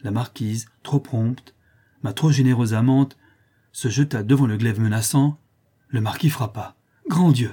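An audiobook narrator reads an old French novel in the first person with impassioned, dramatic delivery. His medium-pitched voice is dark and slightly rough, with fairly even intonation and a somewhat slow pace.

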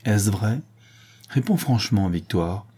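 A man reading the part of a commanding, ironic gentleman thief in an audiobook, grave and mocking. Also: on the low side, animated, slow pace, slightly rough, exaggerated voice. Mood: stern.

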